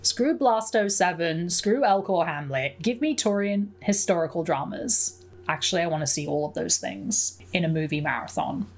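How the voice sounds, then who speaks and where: A young woman giving chatty game commentary and reading in-game messages aloud, laughing often. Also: fairly low pitch. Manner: chatty and giggly, reads messages in a flat quick voice. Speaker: gameplay commentator.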